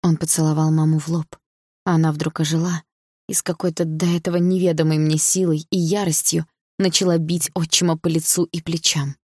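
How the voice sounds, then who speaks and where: A woman narrating a first-person audiobook in a measured, dramatic reading. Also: low-pitched, flat delivery, a little mellow, slightly rough, no room sound, clean studio sound.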